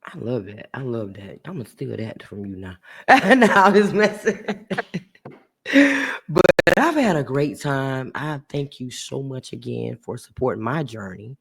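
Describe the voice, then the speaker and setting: A woman hosting a podcast, chatting warmly and casually with a guest and her listeners, laughing often. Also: extremely low pitch, unhurried, gravelly, slightly rough. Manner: animated, laughs often, talks to listeners as y'all. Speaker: podcast host. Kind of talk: casual heartfelt chat.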